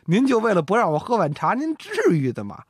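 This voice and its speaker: Give me a woman playing a flustered, flattering scholar, in a close, dry voice. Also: mid-range voice, slightly rough, no room sound. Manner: flustered, fawning, quick to improvise. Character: quick-witted flattering court scholar, man.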